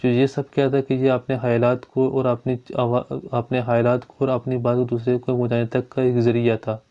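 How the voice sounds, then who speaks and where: A man's voice: medium pitch, monotone. A man teaching a grammar lesson. He explains step by step and repeats his points. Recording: dull lo-fi recording.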